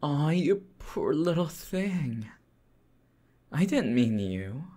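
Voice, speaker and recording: Sly, cheerfully cruel demon lord, played by a man; whispered role-play, slow drawling pace, mocking sing-song delivery. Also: medium pitch, lively intonation, a little mellow. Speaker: voice actor.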